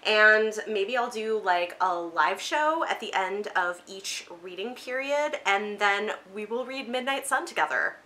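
A book vlogger and channel host in her thirties chats casually and emphatically to camera from a small room at home lined with bookshelves. Her medium-pitched voice is animated, bright and forceful, unhurried with hardly any pauses.

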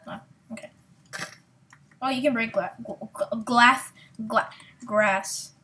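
A woman hosting her own gaming channel, giving excitable, rambling, self-mocking let's-play commentary into a desktop mic. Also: on the high side, takes it slowly.

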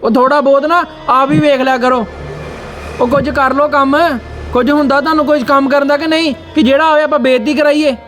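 A man plays a defiant grown son who berates and answers back in a very high voice. He rattles off rapid complaints. This is a home-made family skit. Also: fairly even intonation, fairly bright tone, faint music behind. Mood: scolding. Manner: rapid scolding, talking back. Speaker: son Sahil. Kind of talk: amateur family skit acting.

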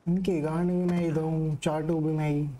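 A male game streamer giving live commentary, excitable and full of swearing as he reacts and asks chat for likes. His voice sits somewhat high with a dark, mellow tone. Faint noise hangs underneath. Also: moderate pace.

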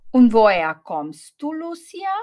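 A woman speaks as a teacher in a scripted learning dialogue, slow and carefully paced. Her voice sits fairly high and rises and falls a lot. She asks each question clearly, with an inviting lift. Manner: clear, repeated phrasing with lively questions.

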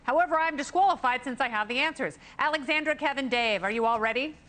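A woman's voice: high-pitched, a bit bright. A middle-aged woman hosting a playful quiz game on a talk show, bubbly and teasing. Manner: bubbly, teasing, quick jokes and laughs.

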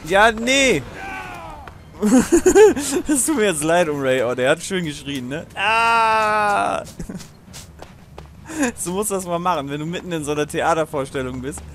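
Chatty, higher-voiced man playing a game. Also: animated, a little slow, long pauses, a little hiss or hum. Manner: chatty, digressive, swearing, laughing often. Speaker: let's play host. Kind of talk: casual gaming commentary.

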